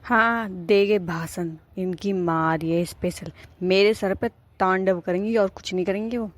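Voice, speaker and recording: A woman's voice: mid-range voice, steady tone, normal speed, natural voice. A woman voicing a put-upon young wife in a cartoon, grumbling and complaining. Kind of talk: cartoon voice acting.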